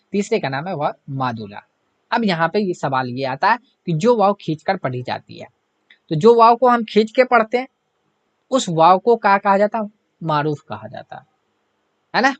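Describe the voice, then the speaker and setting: A man's voice: a little high, no room sound, highs cut off. A man teaching an online grammar lesson, asking the class questions and answering them himself, with a repeated "hai na". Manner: repetitive, keeps adding "hai na".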